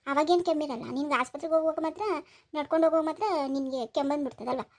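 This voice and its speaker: A woman's voice: high voice, racing. A young woman, hosting a comic village vlog and talking to viewers as friends. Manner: chatty, addressing viewers as friends. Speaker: village vlogger.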